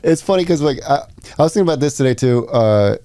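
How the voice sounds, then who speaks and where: Mellow-voiced man riffing on jokes. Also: mid-range voice, animated, fast, no room sound, studio quality. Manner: joking banter, riffs on bits. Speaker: podcast co-host. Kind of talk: casual podcast chat.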